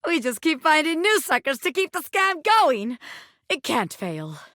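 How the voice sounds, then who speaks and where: A woman's voice: high-pitched, very animated, measured pace, pushed and bright, dry recording, clean studio sound, heavily acted. A woman voicing a brash, flirty bobby pin gangster in a video game, a scheming criminal mastermind with cocky, street-tough wiseguy talk. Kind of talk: animated video game character acting.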